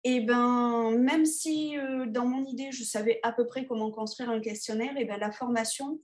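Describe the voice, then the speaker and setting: A woman, an underwater photographer being interviewed, talking casually with many pauses and restarts. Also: a little high, fairly even intonation. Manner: hesitant, many fillers and restarts.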